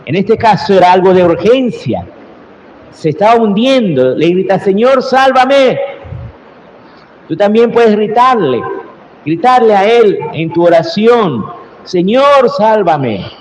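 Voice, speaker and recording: A priest preaching a slow, earnest Sunday homily, his voice rising into cried-out prayers, recorded in a large church. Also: high voice, big pitch swings, darkish tone. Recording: roomy church reverb with faint ambience.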